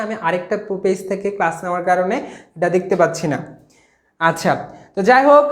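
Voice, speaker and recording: A man's voice: very high voice, reverberant. A man from Bangladesh teaching a live online exam-prep class, reading out questions, quizzing viewers and repeating key answers.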